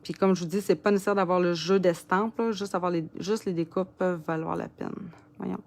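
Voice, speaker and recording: A woman's voice: fairly low pitch, steady tone, brisk. A woman with a Quebec French accent giving a casual crafting tutorial, chatting and muttering to herself as she works. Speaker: papercraft demonstrator.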